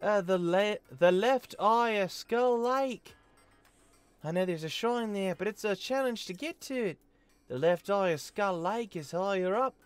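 A man's voice: sits high, measured pace, clean tone, no room sound. Man doing a chatty Australian-accented scholar woman. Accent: put-on Australian. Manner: chatty, helpful, explaining directions. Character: friendly female amateur history scholar.

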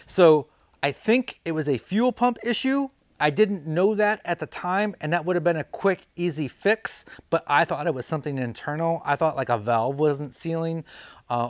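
A man chats casually to camera as a maker-channel host. He fills his sentences with ums and uhs, and his voice sits a little high. The recording is close and dry in an indoor studio. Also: dry recording. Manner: chatty, many fillers, standing and gesturing. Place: indoor studio with colored backdrop.

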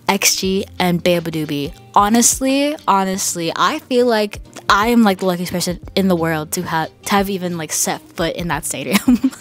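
A young woman in her twenties talks through her vlog in a chatty, upbeat manner, often repeating herself and dropping in fillers. Her voice sits a little low. Soft music plays faintly behind her. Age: 20s. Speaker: vlogger. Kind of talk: casual vlog narration.

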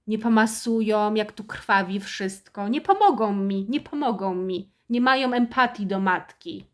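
This is a moaning satirical monologue in which a woman plays a nagging middle-aged mother, harsh, house-proud and self-pitying. When she scolds, her voice turns shrill.

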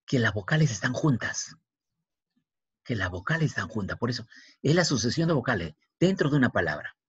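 Husky man teaching vowels slowly. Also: medium pitch, sing-song, no echo. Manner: slow, spells letters one by one, repeats words. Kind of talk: classroom language lesson. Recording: dull, dry, lo-fi recording.

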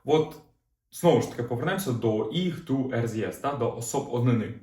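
A man's voice: medium pitch, lively intonation, fairly quick, warm tone. A man teaching a German grammar lesson, explaining patiently step by step and putting questions to the learners. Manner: explanatory, repeats "знову ж таки", asks learners questions. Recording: roomy echo.

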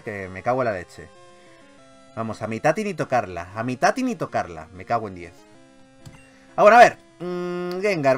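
A gaming YouTuber from Spain hosts a Pokémon let's play with casual, excitable commentary, repeating phrases and swearing freely in a mid-range voice. Video game music plays behind him.

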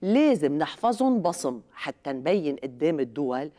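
A woman's voice: low voice, sing-song, normal speed, dark tone. A middle-aged Lebanese woman hosting a satirical TV show, delivering a sarcastic, escalating comedy rant full of mock outrage. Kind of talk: scripted satirical comedy monologue. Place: TV studio.

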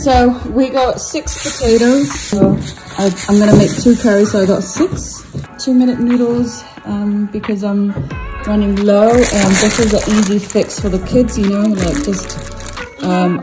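A woman in her thirties from New Zealand, chatting casually through her family's weekly grocery haul with lots of ums and restarts. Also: medium pitch. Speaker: family vlogger. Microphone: phone held at arm's length.

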